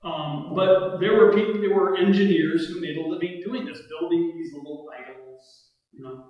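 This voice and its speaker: A man with a fairly high voice teaches a relaxed Bible study class. He talks in a loose, conversational way and keeps turning to the group for agreement. He is recorded from a distance in a church room that echoes heavily. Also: normal speed, dull audio. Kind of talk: casual Bible study lecture. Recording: very echoey room, mic far off.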